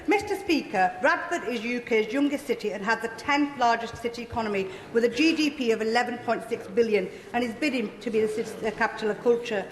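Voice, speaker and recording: Higher-voiced woman giving a parliament speech. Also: quick pace, few pauses. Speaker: member of parliament. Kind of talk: parliament speech, prepared critical question. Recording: reverberant, echoey chamber.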